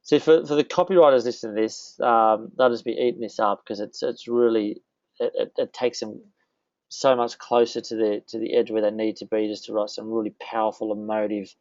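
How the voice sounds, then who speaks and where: A man's voice: lowish voice, steady tone, fairly quick, darkish tone, dry recording, muffled recording. A man hosting a casual interview, rambling and often restarting his sentences. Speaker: host.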